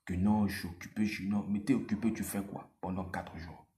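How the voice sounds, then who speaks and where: A man's voice: low voice, fairly even intonation, brisk, mellow, natural voice. A man voicing a clingy young girlfriend who pleads and complains that he never writes back. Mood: pleading, whiny.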